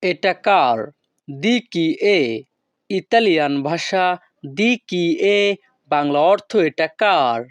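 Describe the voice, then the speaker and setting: Slow, high-voiced man teaching phrases. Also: animated, clear, resonant tone, dry recording. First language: Bengali. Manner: repeats each phrase slowly, syllable by syllable. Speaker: language teacher. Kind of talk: slow phrase-by-phrase language lesson.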